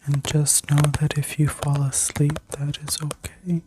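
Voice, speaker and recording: A woman whispering a soothing guided meditation in an ASMR style, like a sleep story narrator, gently giving instructions with a breathy voice. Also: low voice, little pitch movement, measured pace, noisy background. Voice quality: breathy, mostly unvoiced whisper. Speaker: ASMR reiki healer and video host.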